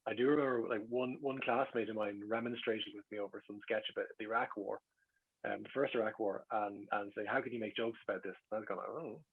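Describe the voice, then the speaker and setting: Talking fast in a lowish, steady voice with some breathiness, a middle-aged man from Ireland spins loose, casual anecdotes while being interviewed. His humor is dry and self-mocking, and the audio is a bit lo-fi.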